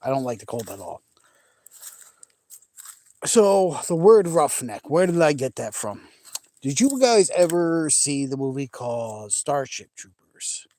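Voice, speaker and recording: A bit slow and mellow, this middle-aged man's mid-range voice swings widely in pitch, carrying a faint Maine accent. As a vlogger holding his phone camera by a large lake at sunset, he chats casually and rambles with viewers, laughing easily and frequently starting over.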